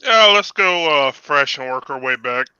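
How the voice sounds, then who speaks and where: A man with a very bright, smooth voice joins a casual podcast as a regular co-host. He is relaxed and agreeable and answers briefly. His audio comes over an online call and sounds slightly muffled and dry. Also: medium pitch, normal speed, no echo. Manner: relaxed and agreeable, short easygoing replies. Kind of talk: casual gaming podcast chat.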